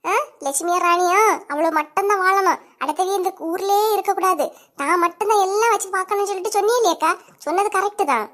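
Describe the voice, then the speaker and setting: A sharp-tongued village woman bickers with her neighbours in a cartoon comedy, voiced by a woman. Her voice sits very high, and she scolds and accuses in a Kanyakumari Tamil accent. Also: fast talker. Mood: quarrelsome. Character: bickering village women neighbours, quick-tempered.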